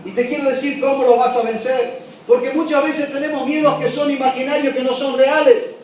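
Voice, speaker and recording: High-voiced preacher in an echoey hall. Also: male voice, a little fast, recorded from a distance, slight background noise. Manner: lively storyteller, acts out voices in anecdotes, asks the audience questions. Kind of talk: sermon with storytelling.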